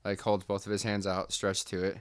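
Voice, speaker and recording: A man with a very low voice talks through an invented scene at an easy pace. He fills his speech with "like" and "uh" and doubles back on words as he goes. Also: monotone, a little fast, clear, resonant tone. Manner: rambling, filler-heavy storytelling. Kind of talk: casual comedic story pitch.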